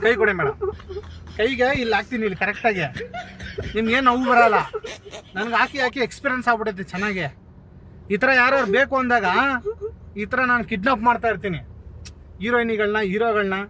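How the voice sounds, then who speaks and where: A man's voice: extremely high pitch, lively intonation, fast, pauses often, sharp tone. A man playing a prank, talking in a pushy, teasing and coaxing way inside a car. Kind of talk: hidden-camera prank talk.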